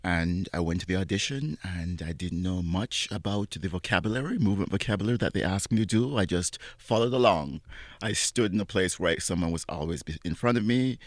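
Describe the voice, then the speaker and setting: A man's voice: low-pitched, brisk, dry recording. A man in his forties from Jamaica, speaking earnestly and reflectively as an interview guest. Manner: earnest, reflective, laughs between thoughts. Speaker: interview guest, dancer and teacher. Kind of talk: conversational interview.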